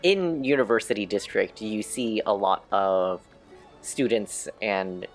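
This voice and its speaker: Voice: low voice, takes it slowly, faint music behind. The game master of a tabletop game, narrating scenes and rulings with a playful manner and frequent laughter.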